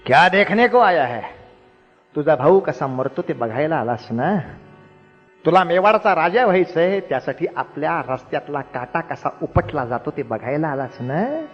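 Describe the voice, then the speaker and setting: A proud warrior king speaks in a stern, commanding way, as a male storyteller puts him on. His voice is fairly high and sounds dull and lo-fi. A long hall reverb and faint music sit behind it. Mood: bitter.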